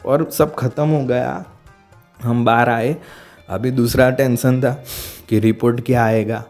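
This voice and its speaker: A man giving a heartfelt personal testimony, halting and searching for words as he speaks, with frequent restarts. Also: medium pitch, fairly even intonation, a little mellow, faint music behind. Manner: earnest and heartfelt. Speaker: devotee sharing a testimony.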